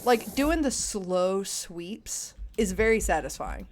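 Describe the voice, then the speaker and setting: A young woman chats casually while streaming a game, giggling often and talking in an animated, lively way. Her voice sits at a middle pitch for a woman. A faint hum runs behind her. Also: takes it slowly, low-quality recording. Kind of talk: casual chat while gaming.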